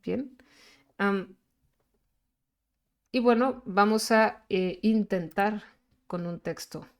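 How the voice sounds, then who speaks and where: A woman teaches in a screen-recorded lesson. She speaks at a middle pitch and explains slowly and patiently. She pauses often and fills the gaps with hesitant sounds.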